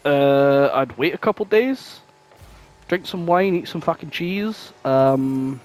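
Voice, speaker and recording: Speaking slowly at a fairly high pitch, this man co-hosts a podcast, wandering through his ideas in a loose, profane, lively storytelling style.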